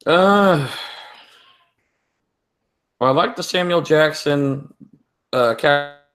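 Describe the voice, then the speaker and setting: A man chatting casually about movies over a remote call whose audio breaks up and drops out, pausing with fillers. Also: a little high, fairly bright tone. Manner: hesitant, with many fillers. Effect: call breaking up and dropping out. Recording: lagging call audio, distant at times.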